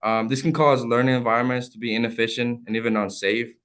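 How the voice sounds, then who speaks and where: Earnest young man, smooth clear voice. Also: mid-range voice, fairly even intonation, fast, a bit bright. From El Salvador. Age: young adult. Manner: earnest, formal and heartfelt. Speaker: student testifying at a hearing. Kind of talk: read prepared testimony.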